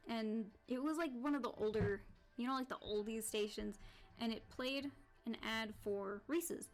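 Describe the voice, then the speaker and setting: Woman streaming and rambling while she draws, kinda high voice, soft music going underneath. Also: a little slow. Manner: rambling, full of "like" and restarts. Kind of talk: casual stream chat while drawing. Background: faint background music.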